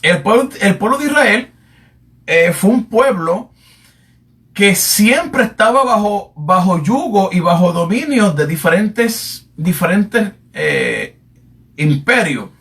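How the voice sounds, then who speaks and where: A man with a high voice teaches from the Bible in sermon style, repeating phrases and pausing on fillers as he calls out to his beloved listeners. He sounds set back a little from the microphone. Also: big pitch swings, a bit bright, distant mic. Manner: repetitive, addresses listeners as "amado", many fillers. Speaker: preacher.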